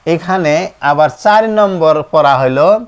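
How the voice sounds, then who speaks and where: Slow patient teacher, man. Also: a little high, clear, resonant tone. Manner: patient, repeats each letter sound many times, drawn out. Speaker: Quran teacher. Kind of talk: slow letter-by-letter teaching of Arabic script.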